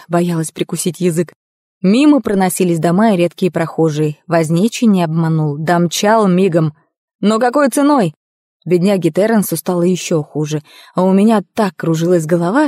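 A woman narrating first-person fiction as an audiobook reader, with a lively, expressive reading. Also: fairly low pitch, a little fast, no echo, clean studio sound.

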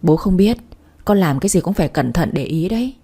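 Storybook: a firm, stern middle-aged dad, low and husky, read by a woman. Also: expressive, brisk, dark tone.

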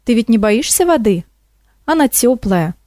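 A woman's voice: on the high side, big pitch swings, moderate pace, mellow, dry recording, clean studio sound. A woman voicing a wary, muttering female stream who murmurs and hesitates, in a storybook reading.

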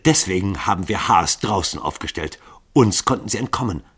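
A male reader plays a composed assassin who speaks matter-of-factly. His husky voice stays low in an audiobook reading. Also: expressive, normal speed, a bit bright, full character voice.

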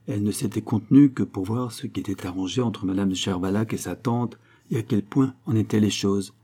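A man reading a classic novel aloud as an audiobook narrator, in a measured, steady way. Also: fairly low pitch, slightly rough.

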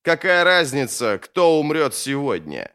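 A man's voice: a little high, big pitch swings, a little slow, bright, forceful tone, clear, resonant tone, heavily acted. A man reading an audiobook, voicing a ruthless, scornful old wizard with emphatic, raised delivery.

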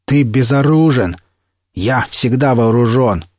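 A man voicing a menacing mercenary stalker with a slow, taunting drawl in an audiobook reading. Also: medium pitch, darkish tone, dry recording, clean studio sound. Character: menacing male mercenary stalker, sneering and cruel.

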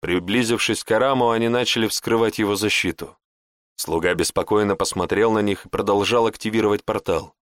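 A man reading a fantasy audiobook in an even, deliberate manner. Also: lowish voice, dry recording, clean studio sound. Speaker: audiobook narrator. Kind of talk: scripted fantasy narration.

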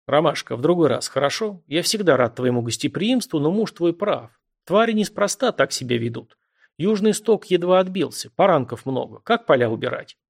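A man's voice: a little high, lively intonation, normal speed, vocal fry, slightly rough, pitched above the performer's own voice, exaggerated voice. A man voicing a shrewd, stern middle-aged governor who gives orders in a dry, mocking tone in an audiobook. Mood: commanding. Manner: authoritative, dryly mocking. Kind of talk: audiobook character voice.

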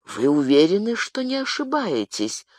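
A man reading an audiobook, voicing a blustering peasant who protests loudly and rattles off complaints. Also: on the high side, sing-song, measured pace, no echo. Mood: bewildered. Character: loud indignant peasant man, quick to protest.

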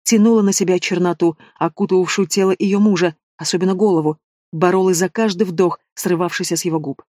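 A man narrating a fantasy audiobook with a steady, expressive reading. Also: sits high, brisk, no room sound, clean studio sound. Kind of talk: scripted narration.

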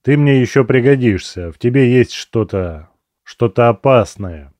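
A man's voice: mid-range voice, lively intonation, a little slow, a little mellow, no echo, natural voice. A man voicing a foul-mouthed, scornful captive. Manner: swearing, scornful. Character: crude, irritable male captive nicknamed the dentist.

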